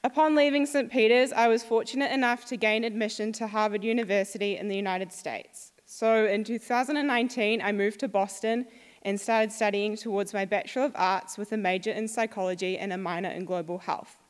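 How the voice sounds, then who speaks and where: A woman's voice: mid-range voice, fairly even intonation, fairly quick, smooth. A young woman with a New Zealand accent giving a friendly, upbeat prepared talk to a school audience. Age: young adult. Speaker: alumna speaker. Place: school hall. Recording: long hall reverb.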